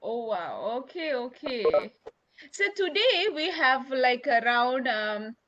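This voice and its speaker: A woman's voice: high voice, big pitch swings, slow pace, fairly bright tone, dull audio, slight background noise. A woman with a Malaysian English accent hosting an informal online discussion, chatty with many fillers, on a video call. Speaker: academic host of online session.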